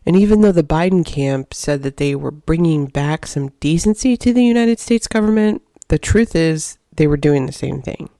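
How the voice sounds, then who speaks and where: Woman with a mellow voice, opinionated podcaster. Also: deep voice, lively intonation, normal speed, few pauses, no echo, studio quality. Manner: opinionated, emphatic, argumentative. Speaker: podcast host. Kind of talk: solo opinion podcast monologue.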